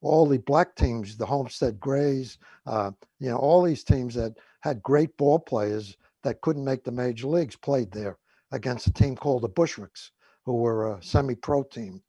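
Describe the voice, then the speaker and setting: He's an elderly radio co-host, at least in his seventies, from Woodhaven in Queens, New York, whose New York-accented talk drifts and hesitates through casual reminiscences. The voice is mid-range, mellow and slightly rough, at normal speed, with no room sound.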